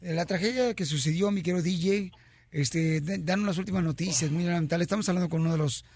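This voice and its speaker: A man hosting a lively radio show, jokey and loud, calling listeners friends and champions. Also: sits high, quick pace, slightly rough, no echo. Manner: jokey, loud, calls listeners paisanos and campeón.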